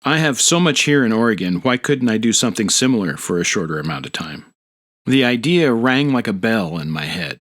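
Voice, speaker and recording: A man's voice: fairly low pitch, very animated, brisk, fairly bright tone. A middle-aged American man giving a reflective, scripted narration of his own story. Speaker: motovlog narrator. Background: guitar music.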